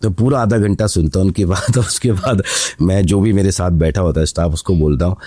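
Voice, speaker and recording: A man's voice: sits low, a little fast, warm tone, no echo. A man founder being interviewed on a podcast, explaining at length with anecdotes and slipping English phrases into his talk. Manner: mixes in English phrases while talking. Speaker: matchmaking site founder, guest.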